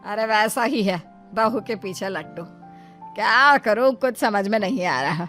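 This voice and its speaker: A woman's voice: medium pitch, measured pace, fairly bright tone, soft background music, lightly acted. A woman voicing a bossy, jealous middle-aged mother-in-law in a cartoon story, with a scolding, disdainful manner. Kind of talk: cartoon voice acting.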